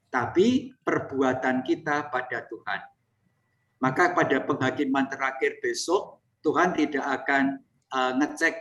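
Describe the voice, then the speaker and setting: High-voiced priest giving retreat talk. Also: male voice. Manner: explains with acted-out dialogues, drops low at ends of points. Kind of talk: retreat talk answering questions.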